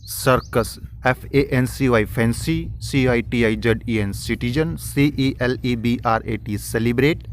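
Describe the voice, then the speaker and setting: A male school teacher with an Indian English accent, giving a recorded lecture. He reads English lines slowly, explains them in Hindi, and spells words out letter by letter. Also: medium pitch, slight background noise.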